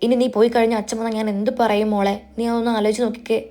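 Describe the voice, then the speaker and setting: A woman's voice: a little high, little pitch movement, racing, warm tone, lightly acted. A woman voicing a domineering middle-aged mother who scolds and pressures her daughter, in a retold TV serial. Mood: pleading.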